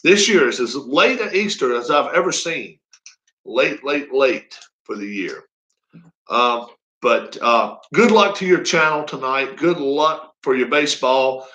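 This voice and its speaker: A man's voice: medium pitch, animated, measured pace, bright, forceful tone, rough recording. A man in his fifties chatting casually on a live stream, rambling and folksy with frequent chuckles. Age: 50s. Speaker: racing league streamer.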